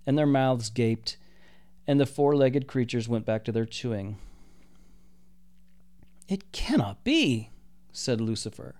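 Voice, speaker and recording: A man narrating a story in a measured, expressive reading. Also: medium pitch, clear, resonant tone.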